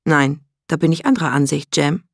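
A man voicing a blunt young demon hunter, speaking in low, wary tones. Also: moderate pace, gravelly, a bit bright, slightly rough, no echo, studio quality, heavily acted.

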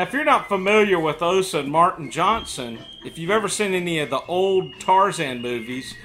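Bright-voiced man storytelling with pipe in mouth. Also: sits high, rough recording. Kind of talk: casual storytelling monologue to camera. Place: living room, indoors.

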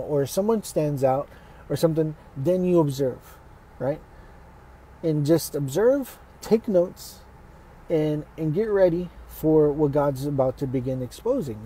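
Guy teaching faith stuff casually, kinda high voice but real warm and husky. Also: low-quality recording. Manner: conversational, speaks straight to listeners.

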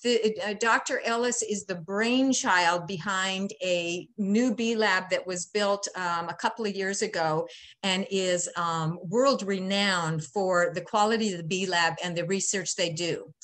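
A woman's voice: medium pitch, a little slow, fairly bright tone. Woman in her sixties, folksy beekeeping presenter, chatty with frequent ums, laptop mic on a call. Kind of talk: webinar presentation. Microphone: laptop webcam mic on a video call.

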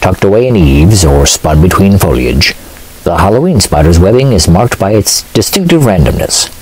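Male narrator, very low husky voice, deadpan mock-documentary read with a lively, rolling pitch. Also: poor audio. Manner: solemn, deadpan documentary delivery.

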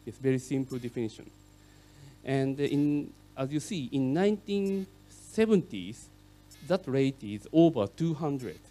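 A middle-aged man whose first language is Japanese gives a conference keynote lecture in English, speaking haltingly with many fillers. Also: mid-range voice, mellow. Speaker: keynote speaker on urban rail.

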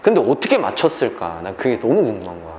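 A man's voice: fairly low pitch, wildly swooping pitch, fast talker, darkish tone, roomy sound, slight background noise. A man teaching an English reading class, lecturing and often checking that the students follow.

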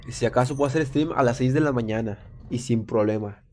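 A man's voice: medium pitch, fast. Young man streaming with a cold. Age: young adult. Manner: rambling, excitable, talks to viewers while playing. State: congested with a cold. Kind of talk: live gameplay commentary reading chat.

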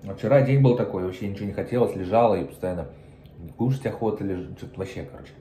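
A man's voice: lowish voice, fast talker, warm tone, a little hiss or hum. A man chatting casually while eating, talking through a mouthful of food in a rambling way. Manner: rambling, chatty, stumbles over words. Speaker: mukbang vlogger. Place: indoors at a table, eating. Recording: echoey room, faint dish clatter.

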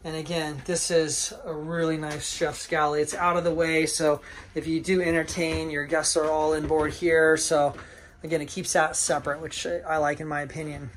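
A middle-aged man who brokers yachts leads a laid-back walkthrough of a sailboat at a marina, both topside and below, speaking at a normal pace in a slightly high voice and often pausing on "uh." The handheld first-person recording has a little hiss or hum.

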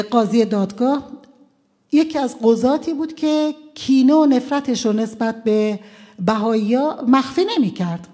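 Mellow-voiced woman lawyer recounting a trial. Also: a little high. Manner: conversational, frequent hesitant fillers. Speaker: defense lawyer. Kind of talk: recounting courtroom events at a press conference.

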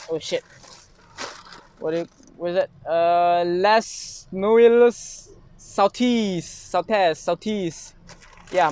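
Young man, Malaysian English accent, casual haul vlog in a parked car, phone held close, clear slightly high voice. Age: young adult. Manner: rambling, self-mocking, lots of fillers and restarts. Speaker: vlogger. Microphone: phone camera held close.

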